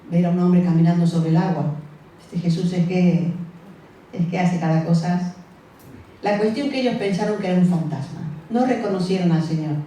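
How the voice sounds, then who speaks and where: In an echoey church hall, a woman with a lowish, dark voice preaches a sermon, heard through a distant mic. She speaks conversationally, voicing the disciples herself and posing questions to the congregation.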